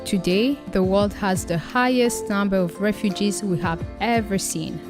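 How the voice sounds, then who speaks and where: A woman giving scripted narration for a charity film in a measured, deliberate way. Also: medium pitch. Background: music.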